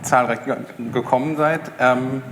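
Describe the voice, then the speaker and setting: A man's voice: medium pitch, fairly even intonation, a little slow, background noise. A man from Berlin giving a live tech talk to an audience, with many fillers and restarts. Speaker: conference speaker. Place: lecture hall with audience. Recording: echoey hall with long reverb.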